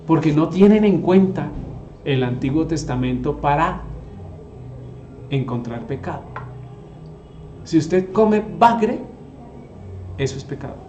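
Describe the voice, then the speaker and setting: A man's voice: a little high, expressive, slow pace, long pauses, warm tone, muffled recording, soft background music. A man, teaching the Bible to a group and often asking them rhetorical questions. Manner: asks the audience rhetorical questions. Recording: echoey room.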